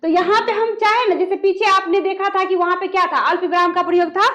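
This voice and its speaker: Female teacher, very high voice; quizzes students and reads out example sentences with pauses. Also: steady tone, a bit bright. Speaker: Hindi grammar teacher. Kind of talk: classroom lesson.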